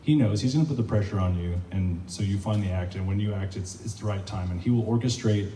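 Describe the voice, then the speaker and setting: A man with a low voice speaks to the congregation in an earnest, encouraging tone. He sounds like he is standing far from the mic. A long reverb hangs in the large church hall. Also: fast talker, dark tone, a little hiss or hum. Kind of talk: sermon. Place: church sanctuary.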